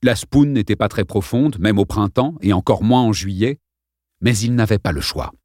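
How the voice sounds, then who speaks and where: A man reading a novel aloud as an expressive audiobook narrator. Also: fairly low pitch, moderate pace, no room sound, studio quality. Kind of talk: scripted narration.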